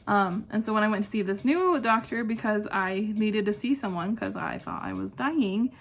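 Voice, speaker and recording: A woman's voice: mid-range voice, moderate pace, low-quality recording. Chatty young woman vlogging, fan clicking behind. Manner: chatty, informal, self-deprecating. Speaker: video channel host. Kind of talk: casual one-take vlog chat, answering questions. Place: at home, indoors. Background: clicking ceiling fan, possible neighbors talking outside.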